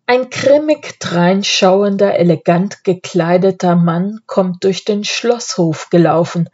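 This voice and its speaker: Calm female storybook narrator, low-pitched and unhurried, mellow, slightly dull recording. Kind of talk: audiobook reading.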